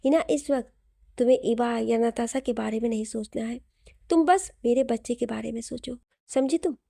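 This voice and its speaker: A woman's voice: fairly high pitch, normal speed, gravelly, dark tone, no echo, studio quality. A woman voicing a tender young husband. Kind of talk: audio story reading.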